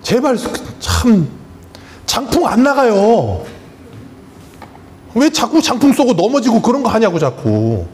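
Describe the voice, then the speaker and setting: A man's voice: very high-pitched, huge pitch swings, unhurried, long pauses, darkish tone, a little hiss or hum. A man preaching a Sunday sermon as pastor, emphatic and full of rhetorical questions to the congregation. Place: church sanctuary.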